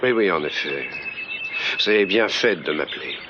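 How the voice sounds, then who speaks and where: An actor playing a grave, world-weary investigator in a dubbed TV soap, gravelly, solemn and measured. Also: male voice, low-pitched, expressive, background noise. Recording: dull sound under loud music.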